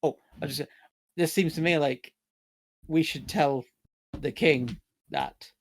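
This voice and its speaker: A man's voice: a little high, slow, slight background noise. A man playing a tabletop game, talking casually through his character's plans.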